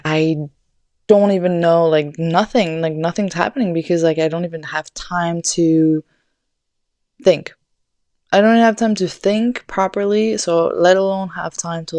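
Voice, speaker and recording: Low-voiced young woman, rambling and swearing. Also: normal speed, dry recording, studio quality. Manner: rambling, animated, swears often, fillers like "like". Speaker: podcast host. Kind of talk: casual storytelling monologue.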